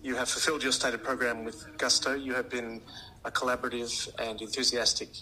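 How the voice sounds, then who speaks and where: Councillor guy calling in by phone, really sharp tinny edge, faint hiss behind, polite formal thanks. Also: medium pitch, level tone. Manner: courteous, measured formal thanks. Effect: speaking over a phone line. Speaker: city councillor. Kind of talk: formal council meeting remarks.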